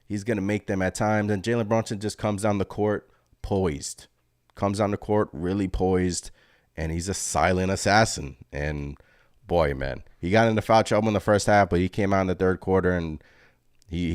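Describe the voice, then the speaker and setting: A man hosting a live postgame reaction stream, talking in an excited, rambling way and reading chat comments aloud. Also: deep voice, moderate pace, no echo, clean studio sound. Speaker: sports fan channel host.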